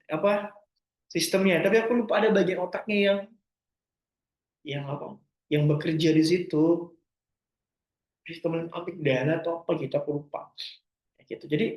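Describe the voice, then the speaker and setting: A young man answering listener questions in a casual talk, gentle and reassuring, often forgetting terms and restarting. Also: a little high, echoey room.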